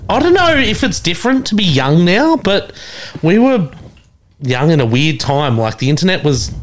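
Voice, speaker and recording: A man in his thirties with an Australian accent, hosting a podcast in casual chat, animated and swearing a lot with quick reactions. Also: fairly high pitch. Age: 30s. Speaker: podcast host.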